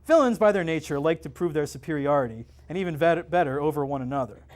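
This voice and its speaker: A man, the author, reading his own novel aloud at a live event in a comic and game shop, narrating with lively drama. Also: on the high side, fast.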